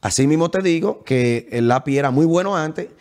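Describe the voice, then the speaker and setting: A young man with a Dominican accent, a musician talking in a casual interview, animated and boastful, often talking over the host. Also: fairly high pitch, moderate pace.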